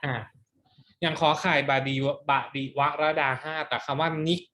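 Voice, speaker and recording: A man's voice: a little high, fairly even intonation, moderate pace, fairly bright tone. A man teaching an exam-prep class, playfully quizzing his students and counting through their answers.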